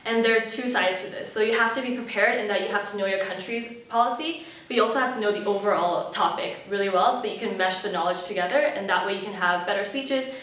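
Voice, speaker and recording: A woman's voice: medium pitch, quick pace, few pauses, fairly bright tone. A woman in her twenties from Malaysia, chatting upbeat in an interview about leading a committee, with fillers and restarts. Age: 20s. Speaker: head chair interviewee. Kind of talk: casual interview answers. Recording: very echoey room, voice from a distance.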